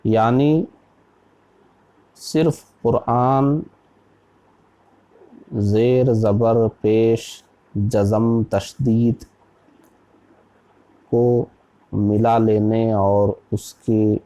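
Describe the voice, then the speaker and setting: A man from India with a lowish, mellow, dark voice gives a religious lesson on reciting scripture. He teaches slowly and deliberately, stopping to sound out single letters for his listeners. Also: steady tone. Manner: slow, deliberate teaching, spelling out letters one by one. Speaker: Islamic scholar teaching Quran commentary.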